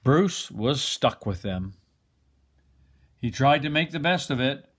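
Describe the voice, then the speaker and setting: An older man reading a children's picture book aloud expressively, like a grandfather, with dramatic pauses. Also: medium pitch, expressive.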